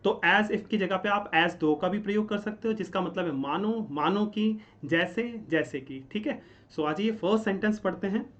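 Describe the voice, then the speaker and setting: Male teacher explaining grammar at a board, drilling with quick self-answered questions; slightly muffled recording. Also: sits high, a bit bright. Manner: explains step by step, asks and answers his own questions; keeps checking in with "ठीक है?". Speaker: English teacher. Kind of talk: classroom-style grammar lesson.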